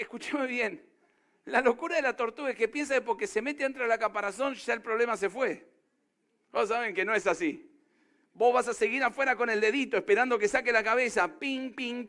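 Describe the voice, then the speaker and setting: The man's voice sits high with a fairly bright tone as he preaches, his accent Argentine Spanish. This pastor is emphatic, constantly firing rhetorical questions at his congregation.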